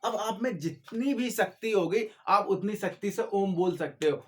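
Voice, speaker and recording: A man teaching grammar in a lecture style. He asks his own questions and answers them, repeats the key terms, and stretches out sounds to show how long a vowel lasts. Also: sits high. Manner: drawn-out syllables to demonstrate vowel length.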